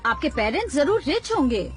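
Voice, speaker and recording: A woman's voice: high voice, very animated, fairly quick, over music. A pushy, money-minded young woman. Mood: bossy. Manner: bossy, wheedling, theatrical complaints. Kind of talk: Hindi dub of a series.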